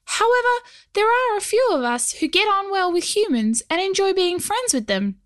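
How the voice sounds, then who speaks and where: A woman voicing a tiny, gravelly male stone goblin in a storybook reading, polite but cheeky. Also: very high-pitched, sing-song, moderate pace, voice pushed up. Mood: friendly.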